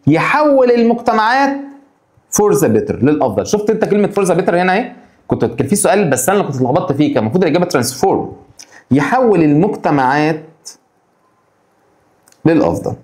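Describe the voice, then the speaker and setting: Lively Egyptian man teaching English vocabulary. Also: fairly high pitch, echoey room. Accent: Egyptian Arabic. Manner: addresses students directly with quick rhetorical questions. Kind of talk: exam-prep lesson explaining vocabulary.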